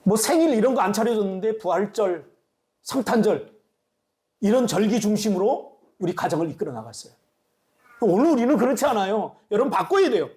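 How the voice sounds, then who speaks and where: A middle-aged man preaching from the pulpit with a high, lively voice that climbs and drops sharply. He moves between urgent calls to his listeners and quiet, confiding asides, sounding like a pastor in full flow. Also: a little fast. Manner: animated preaching, swinging between loud exhortation and hushed asides. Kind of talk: sermon.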